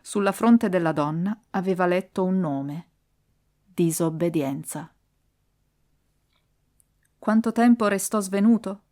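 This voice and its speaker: Una narratrice di audiolibri con un timbro basso e una lettura teatrale e partecipe. Racconta una storia classica con tono recitato. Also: female voice, slow pace, long pauses. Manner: expressive, dramatic reading. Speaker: audiobook reader. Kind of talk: scripted narration.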